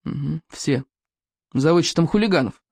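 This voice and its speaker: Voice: mid-range voice, expressive, brisk, mellow, no echo, studio quality, close to an everyday voice. A reader voicing a worried, earnest young Viking boy who pleads urgently. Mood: gloomy.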